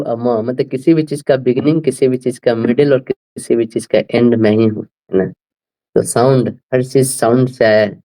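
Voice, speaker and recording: Man, scripture teacher, unhurried, soft dark tone, checks in with listeners again and again. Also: mid-range voice, poor audio. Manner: slow, repeats "right?" often, spells out sounds. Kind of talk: explaining a scripture class.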